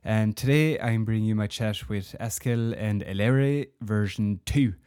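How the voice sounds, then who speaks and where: A man's voice: fairly low pitch, unhurried, warm tone, clear, resonant tone, no echo, studio quality. A man hosting a podcast, talking casually with many filler words, getting over a heavy cold. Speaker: podcast host.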